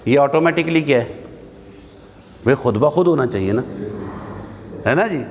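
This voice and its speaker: An expressive, mid-range male voice carries an Arabic grammar lesson held in a mosque hall, with a long, echoing reverb. His lecturing style is conversational, full of rhetorical questions and checks on whether listeners are with him.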